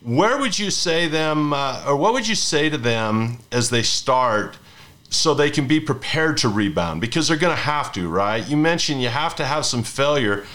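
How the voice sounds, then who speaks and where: A man's voice: medium pitch, expressive, moderate pace, fairly bright tone. A man in his fifties hosting a conversational interview, telling rambling anecdotes between questions. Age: 50s. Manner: rambling storyteller who hosts the interview. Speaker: podcast host.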